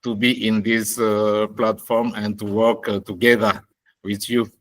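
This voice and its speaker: A man from Uganda, head of an aid group, introducing himself slowly and hesitantly. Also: lowish voice, level tone, recorded from a distance. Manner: slow and hesitant, many fillers. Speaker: NGO head.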